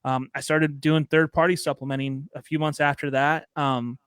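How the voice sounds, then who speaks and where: Appearing on a podcast, a Chicago man in his thirties chats casually, telling stories in relaxed slang. He speaks at a normal speed in a fairly high, clear and resonant voice, captured in clean studio sound with no echo.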